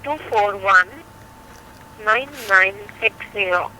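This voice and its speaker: A woman's voice: medium pitch, takes it slowly, crowd noise. A woman working as a call center agent, giving procedural instructions to a customer over the phone. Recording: phone line with faint noise.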